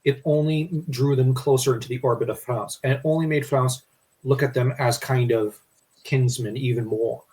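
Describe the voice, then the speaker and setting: A man's voice: medium pitch, fairly even intonation, normal speed, darkish tone, husky. A man co-hosting a casual history discussion, rambling and restarting his sentences. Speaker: podcast co-host.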